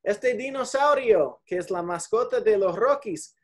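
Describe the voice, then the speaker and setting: A man teaching English in a lesson, patient, explaining slowly and repeating phrases for the class. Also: high voice, expressive. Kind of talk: bilingual language lesson.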